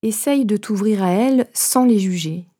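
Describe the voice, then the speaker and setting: A woman leading a guided meditation, giving gentle, unhurried instructions in a soft voice with pauses between phrases. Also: medium pitch, breathy edge.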